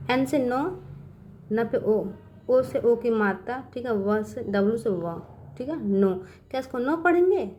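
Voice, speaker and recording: A woman's voice: a little high, darkish tone, a little hiss or hum. A woman teaching a lesson to children. She keeps asking questions and answering them herself, with frequent "okay, children" checks. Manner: repeats "ठीक है बच्चों" often, asks and answers her own questions. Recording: echoey room.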